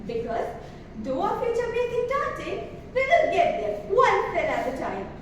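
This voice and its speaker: A teenage girl delivers a rehearsed motivational competition speech with theatrical emphasis and dramatic pauses. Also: very high voice, very animated. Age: teens. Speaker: student declamation contestant. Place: large echoey indoor hall. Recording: very echoey hall, distant mic, noisy.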